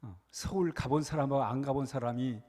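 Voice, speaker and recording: A man preaching a sermon as a pastor, telling a story with lively repetition and asking the congregation questions. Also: medium pitch, fairly quick, slightly rough. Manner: animated storytelling, repeats phrases, asks the congregation questions. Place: church sanctuary. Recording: echoey church hall.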